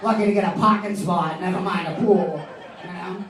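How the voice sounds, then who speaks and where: A man's voice: high-pitched, fairly even intonation, brisk, roomy sound, distant mic, crowd noise. A man with a Boston accent doing a stand-up comedy set, chatty and full of "you know" and "like". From East Boston, US. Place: comedy club stage.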